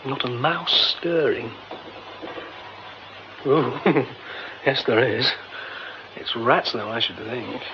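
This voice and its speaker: A man's voice: medium pitch, slow, pauses often. An actor playing a nervy young theatre man, muttering to himself and stammering when flustered, in a radio drama. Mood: musing. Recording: dull lo-fi radio recording with hiss.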